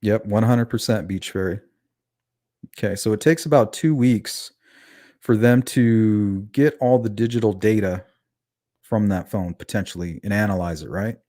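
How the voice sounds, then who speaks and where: A lisping man hosting a laid-back true-crime livestream reads chat messages aloud and addresses questions to his viewers in a conversational way. His voice is fairly low and dark-toned, at a moderate pace. Studio-quality sound, no echo.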